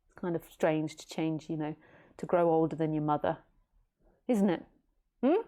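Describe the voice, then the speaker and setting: A woman's voice: low-pitched, normal speed, warm tone. A woman in her late thirties, a spiritual teacher giving a casual philosophical talk in a rambling, easygoing way with jokey asides. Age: late 30s.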